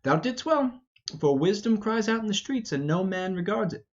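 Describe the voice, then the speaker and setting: A man's voice: high-pitched, expressive, normal speed. A man voicing a witty, teasing young prince with bantering retorts in an amateur Shakespeare reading. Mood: wry. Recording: dull, lo-fi.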